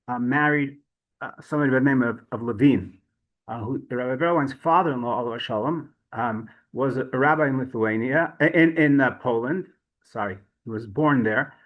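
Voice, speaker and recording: A man teaching a Torah class, telling stories in a chatty way with frequent restarts and lively swings in pitch. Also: narrow, tinny audio. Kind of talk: storytelling Torah lesson.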